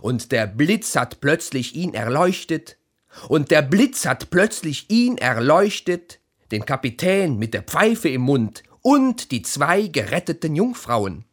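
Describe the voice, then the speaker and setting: A man playing a poetic narrator of a storm at sea, reciting dramatically with incantatory repetition in a husky voice. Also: a little high, very animated, takes it slowly, full character voice. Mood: solemn, dramatic.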